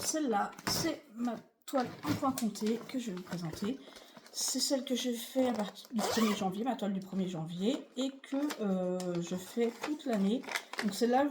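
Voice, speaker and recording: A woman's voice: on the high side, noisy background. A woman vlogging casually about her cross-stitch projects, rambling and chatty with many fillers. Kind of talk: casual chatty craft vlog.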